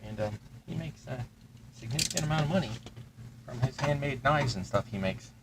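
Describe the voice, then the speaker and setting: A Texan who hosts a terrain-crafting channel chats casually while building miniatures, rambling and muttering to himself as he works. His medium-pitched voice is fairly quick with lively intonation, and there's heavy background noise.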